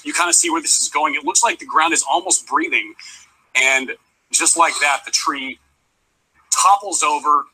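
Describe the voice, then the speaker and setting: A man presenting news, casually walking viewers through storm video clips in a slightly rough voice. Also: fairly high pitch, very animated, moderate pace, sharp tone, poor audio. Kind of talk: casual walk-through of viral storm footage.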